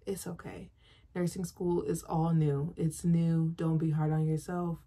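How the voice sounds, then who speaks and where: A woman's voice: sits low, measured pace. A woman, chatting casually to camera about her day and reassuring herself, talking with her hands, in a bedroom. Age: 20s. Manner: chatty, self-reassuring, expressive with hand gestures. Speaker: nursing student vlogger. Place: bedroom, indoors.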